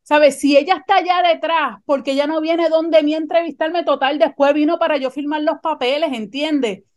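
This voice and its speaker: With a high voice and moderate pace, a woman tells a personal story in animated conversation. She often checks that her listener is following along.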